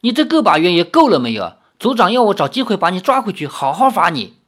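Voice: mid-range voice, very animated, moderate pace. A reader voicing a cautious, commanding elder martial sister who scolds her junior, in a storybook audiobook. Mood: suspicious. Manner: stern, admonishing. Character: stern older sister in arms, cautious and commanding.

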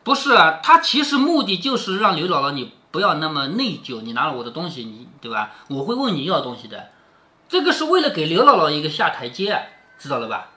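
A man's voice: fairly high pitch, big pitch swings, fairly quick, sharp tone. A man reading a classic novel aloud to his daughter, stopping often to explain it in a chatty way and tossing in tag questions. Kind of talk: storytelling with explanatory commentary.

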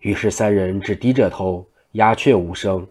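Low-voiced male storyteller. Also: normal speed, a little mellow, breathy edge. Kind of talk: reading a classical novel aloud.

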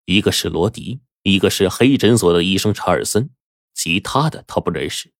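A man's voice: low voice, animated, normal speed, gravelly, no echo, clean studio sound, full character voice. A man doing an angry young woman. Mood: indignant.

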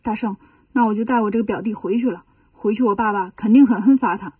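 A woman's voice: mid-range voice, fast talker, a little mellow, breathy edge, no echo, natural voice. A woman voicing a stern, dutiful young dragon prince in a children's storybook reading, firm and lecturing.

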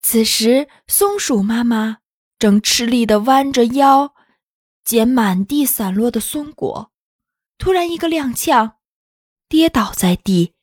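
A woman narrating a children's story in a gentle, unhurried, expressive reading. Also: fairly high pitch, no room sound, clean studio sound.

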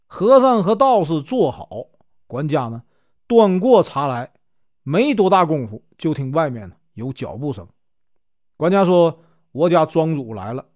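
A man's voice: on the high side, big pitch swings, a little slow, a little mellow. A man with a Northeastern Mandarin accent narrating a traditional tale, chatty with filler particles between phrases. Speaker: storyteller.

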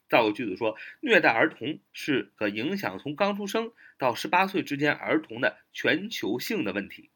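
Lively Chinese man teaching vocabulary. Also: mid-range voice. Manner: spells words letter by letter, frequent "ah" fillers. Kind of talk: exam vocabulary lesson.

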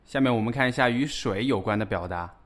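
A man's voice: mid-range voice, fast talker, fairly bright tone. A man teaching English vocabulary in a scripted lesson, repeating each word carefully.

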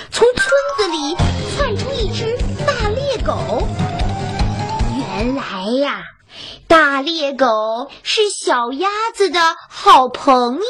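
A woman narrating a children's story in a slow, expressive, sing-song way. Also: high-pitched.

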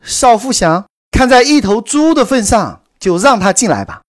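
Brisk woman narrating a sales story. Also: fairly high pitch, expressive. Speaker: course promoter narrator. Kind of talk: scripted promotional storytelling.

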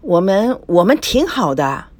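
A woman's voice: mid-range voice, sing-song, unhurried, a little mellow, dry recording. A woman voicing a weary, evasive young man in a novel reading, polite and hesitant.

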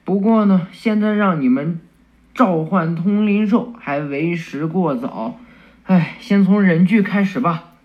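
A man doing a calm, measured ninja teacher. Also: sits high, highs cut off. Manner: measured and explanatory.

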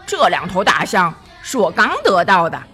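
A woman voicing a matter-of-fact male ship captain in a children's storybook, in a lowered voice. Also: big pitch swings, moderate pace, a bit bright, breathy edge, faint music behind, exaggerated voice. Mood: brusque.

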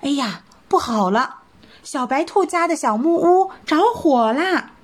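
A woman voicing a kind, lively little snowman child with a bright, sing-song way of talking. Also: high-pitched, a little slow. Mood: alarmed.

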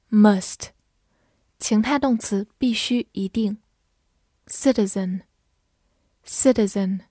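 A woman teaching English vocabulary in a scripted lesson, reading example sentences slowly and carefully. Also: medium pitch, warm tone, no room sound, studio quality. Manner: slow, careful model readings.

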